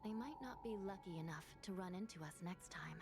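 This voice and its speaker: A calm, reasoned court clerk in a video game. She speaks in a measured, formal way, and game music plays behind her. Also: on the low side, gravelly. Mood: composed.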